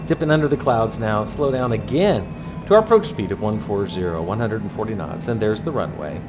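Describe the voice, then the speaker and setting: Guy talking himself thru a plane landing, short pilot lingo, thinking out loud, music behind him. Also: on the low side, animated, a little fast. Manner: thinks aloud in clipped aviation jargon. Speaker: flight simulator pilot narrating. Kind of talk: running commentary on a flight approach.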